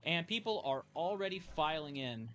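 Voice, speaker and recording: A man's voice: fairly high pitch, lively intonation, moderate pace, pushed and bright, soft background music. A man hosting a game video, chatting casually and thinking aloud as he plays. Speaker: gamer host. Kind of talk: casual gameplay commentary.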